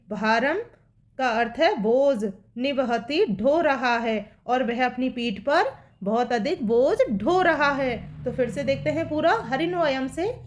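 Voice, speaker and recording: A woman teacher walks children through a poem, taking it slowly and patiently. Her voice sits high, and she repeats every meaning so it sticks. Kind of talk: explaining a Sanskrit poem to children.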